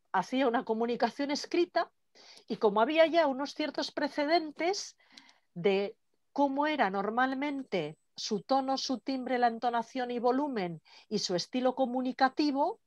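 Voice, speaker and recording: A woman leading an online workshop in a lively, conversational way. She acts out quoted dialogue as she talks. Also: sits high, unhurried, dry recording. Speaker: workshop trainer. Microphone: video call.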